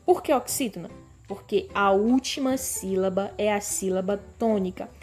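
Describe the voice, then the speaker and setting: A Brazilian woman teaching a primary class in a recorded lesson, with a mid-range voice. She speaks patiently to the pupils, slowing right down to sound out example words. Faint music sits underneath. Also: mid-range voice, a little mellow. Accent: Brazilian Portuguese. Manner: slow, stretched-out word readings for pupils; addresses class as "pessoal". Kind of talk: online school lesson.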